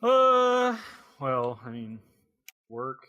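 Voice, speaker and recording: A man's voice: mid-range voice, sing-song, drawn-out words, sharp tone, lo-fi sound. A man co-hosting a podcast in a laid-back, wry way. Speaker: podcast co-host. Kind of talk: casual podcast chat.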